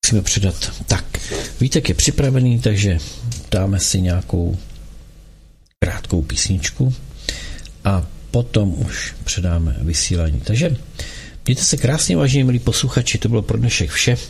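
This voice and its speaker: A man hosting a radio show, reading a novel aloud in a calm, steady storytelling manner. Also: lowish voice, gravelly, long pauses, slight background noise. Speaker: radio host.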